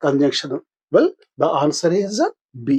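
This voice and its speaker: A man's voice: a little high, slow, a little mellow, breathy edge. An older man with a Telugu accent teaching English grammar for exam practice, patiently asking questions and answering them himself. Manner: patient, asks and answers his own questions.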